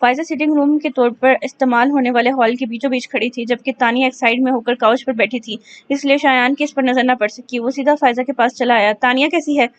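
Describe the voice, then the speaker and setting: A woman narrating a romance novel aloud in a steady storytelling manner, with small slips. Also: high-pitched, brisk, slight background noise. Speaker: audiobook narrator. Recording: dull lo-fi recording.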